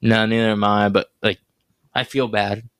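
Profane joking man, low voice. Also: level tone, normal speed, a bit bright, clear, resonant tone, dry recording. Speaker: podcast host. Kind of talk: casual sports chat.

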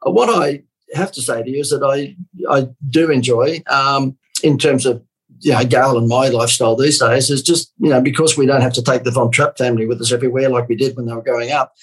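A man's voice: medium pitch, steady tone, fairly quick, breathy edge, poor audio. An Australian man in his fifties, a marketing guest in a casual podcast interview, joking and salesy with a dry sarcastic streak.

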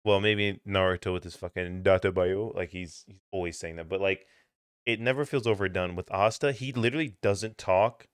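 A young man co-hosting a casual podcast chat, loose and profane, often laughing and mimicking yells. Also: low-pitched, normal speed, clear, resonant tone, no room sound, clean studio sound. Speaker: podcast co-host.

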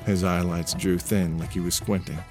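A man narrating a storybook in a steady, even reading voice. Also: low voice, normal speed, soft background music.

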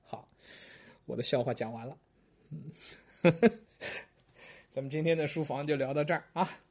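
A chatty man telling a joke in a casual, rambling way, with a husky voice. He speaks a little higher than most men and keeps repeating and restarting his words. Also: measured pace, a little mellow. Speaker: host and storyteller.

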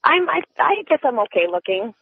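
A woman's voice: on the high side, sing-song, brisk, slightly rough, no room sound. A woman calling in to a radio show, hesitant, unsure and giggly. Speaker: caller. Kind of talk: call-in radio conversation. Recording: tinny dry phone line.

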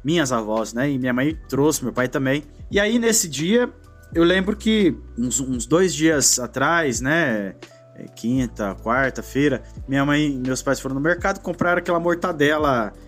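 A man's voice: medium pitch, lively intonation, normal speed, fairly bright tone, soft background music. A man in his forties with a Brazilian Portuguese accent, co-hosting a talk show and telling a childhood memory in a reflective, casual way, often adding a questioning "né". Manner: reflective, often adds "né" and trails off. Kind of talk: casual conversational storytelling.

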